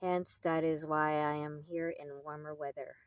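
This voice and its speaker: A woman narrating a casual travel vlog, thinking aloud in a soft-spoken way from her van and the beach. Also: deep voice, little pitch movement, moderate pace, smooth, dry recording. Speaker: vlogger.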